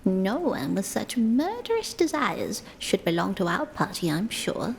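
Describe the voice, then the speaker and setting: A woman voicing a chorus of tiny, timid piglets in a high, squeaky, indignant way, as a whispered role-play in a storybook reading. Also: big pitch swings, unhurried, gravelly, a little hiss or hum.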